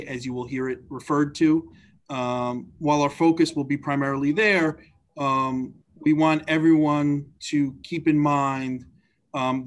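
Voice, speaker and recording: A man speaking as a panelist in an informal webinar introduction, with a hesitant, halting delivery. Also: medium pitch. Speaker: employment lawyer, webinar panelist.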